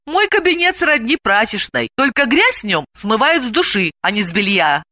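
A caustic woman psychologist with a sharp, snapping delivery, as a woman reader puts her on. The voice is bright and a little raised above the reader's own. It is a dry, close recording. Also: on the high side, big pitch swings, normal speed, no room sound, pitched above the performer's own voice. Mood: acerbic. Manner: acerbic, snapping.

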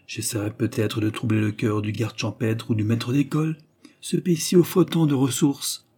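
A man's voice: medium pitch, fairly even intonation, normal speed, mellow, husky. A man reading aloud and voicing a haughty young woman who mocks her suitor. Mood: mocking. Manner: teasing, scornful.

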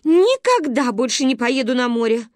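A woman's voice: on the high side, very animated, measured pace, a little mellow, slightly rough, no room sound, studio quality, voice pushed up, full character voice. A woman reading the part of a frightened mother in her thirties who pleads anxiously. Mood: fearful. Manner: pleading, fearful. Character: frightened young mother of four.

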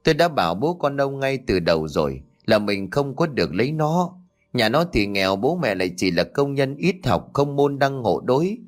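A man's voice: medium pitch, sing-song, moderate pace, soft background music, lightly acted. A man voicing a bitter, nagging elderly grandmother who complains in a whining manner. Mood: bitter complaint.

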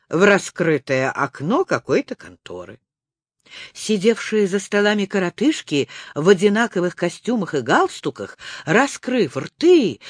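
Slow, expressive female storybook narrator. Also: medium pitch, dry recording, studio quality. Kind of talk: audiobook narration.

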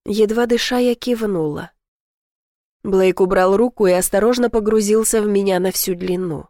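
Woman softly narrating a romance audiobook. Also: medium pitch, moderate pace, no room sound, clean studio sound.

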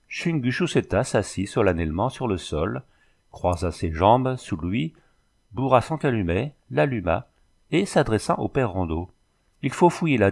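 A man reading a novel aloud as an audiobook narrator, in a steady, clear manner. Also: lowish voice.

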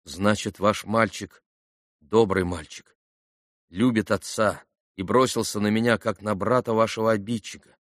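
A man voicing a gentle, quiet, earnest young man in an audiobook, speaking softly and calmly. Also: lowish voice, measured pace, no room sound, studio quality, lightly acted. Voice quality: soft, calm.

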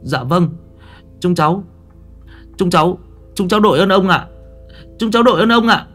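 A man's voice: sits high, lively intonation, moderate pace, fairly bright tone, soft background music, pitched above the performer's own voice. A man voicing a group of frightened village boys who whimper and plead for forgiveness. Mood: grateful.

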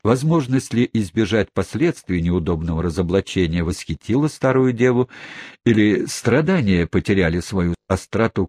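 A man reads the narration of a novel aloud in a low, slightly husky voice. His pace is measured and even. The sound is dry and close to the mic. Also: dry recording. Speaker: audiobook reader. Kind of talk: scripted audiobook narration.

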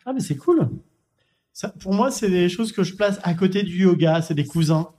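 A man's voice: sits high, animated, moderate pace, dark tone. A man hosting a casual podcast chat, jokey and leading the round of guests. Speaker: podcast host.

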